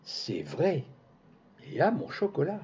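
A man voicing a stubborn, fiery five-year-old girl who cries out in a shrill, high voice. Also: wildly swooping pitch, a little slow, a little mellow, breathy edge, heavily acted. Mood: pensive. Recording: dull lo-fi recording.

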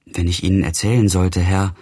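A man's voice: flat delivery, normal speed, mellow, husky. A man voicing a careworn, pious old mother in an audiobook reading, in a sorrowful, lamenting manner. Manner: lamenting, pleading, pitched up.

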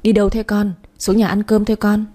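A woman's voice: medium pitch, level tone, brisk, dark tone, natural voice. A woman reading as a sneering, scheming stepmother. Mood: falsely sweet. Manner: sneering, falsely sweet. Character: scheming spiteful young stepmother.

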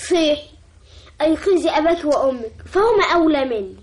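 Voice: high voice, animated, fairly quick. An actor playing a sleepy, irritable young boy in a classical Arabic radio drama, grumbling and sarcastic. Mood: annoyed.

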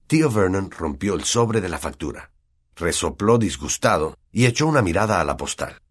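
A man with a Latin American Spanish accent narrating an audiobook in an expressive storytelling manner. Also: sits low, moderate pace, husky.

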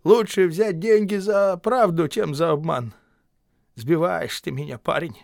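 A man voicing a gruff, grasping peasant well-digger who grumbles and reproaches, in an audiobook reading. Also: a little high, measured pace, a little mellow, no room sound, studio quality, pitched above the performer's own voice. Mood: grumbling. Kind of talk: audiobook character voice.

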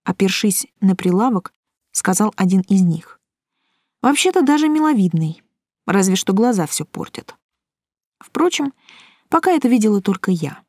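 A woman reading a first-person audiobook in a calm, dry, wry manner. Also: mid-range voice, moderate pace, long pauses, no echo. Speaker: audiobook narrator.

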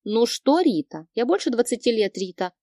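A woman's voice: medium pitch, expressive, brisk, a little mellow, no room sound, clean studio sound, natural voice. A woman voicing a brash young female friend who snaps back bluntly, in an audiobook reading. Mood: defensive. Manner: snapping, blunt.

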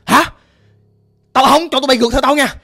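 A man's voice: extremely high pitch, quick pace, gravelly, bright, forceful tone, pitched above the performer's own voice, exaggerated voice. A man voicing a vicious male spirit possessing an old grandmother, snarling and cursing threats in a storytelling recording.

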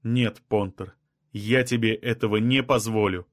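A man's voice: fairly low pitch, steady tone, a little slow, no echo, clean studio sound, natural voice. A male reader voicing an anxious, insistent woman scientist who keeps pressing with questions. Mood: pleading.

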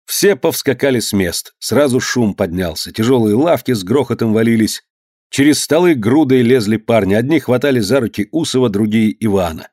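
Male narrator, historical audiobook, measured, steady, mid pitch, dry sound. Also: no room sound. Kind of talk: audiobook reading of historical prose.

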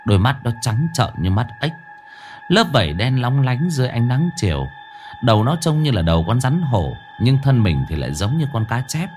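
A man telling a first-person ghost story in a lively, dramatic way. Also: mid-range voice, slight background noise. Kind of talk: scripted ghost story narration. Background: faint music.

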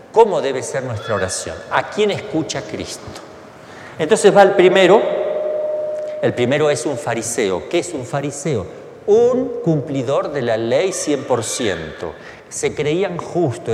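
Animated priest preaching. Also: male voice, a little high. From Argentina. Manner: animated, asks rhetorical questions, colloquial. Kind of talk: sermon. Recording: echoey hall, faint background noise.

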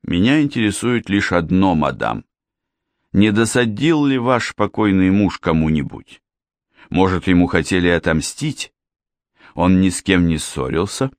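A man's voice: deep voice, lively intonation, measured pace, no echo, clean studio sound. A man reading a cautious, polite police inspector. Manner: apologetic and careful.

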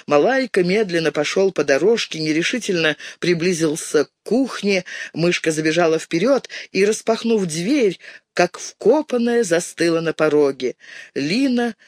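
A man reading an audiobook narration in a steady, expressive manner. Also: high voice, normal speed, dry recording, clean studio sound.

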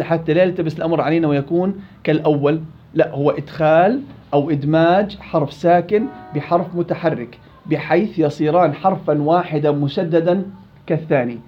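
A man with a Levantine Arabic accent teaching Quran recitation, quizzing students, praising answers and stretching out example words slowly. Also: fairly high pitch, lo-fi sound. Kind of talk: classroom teaching.

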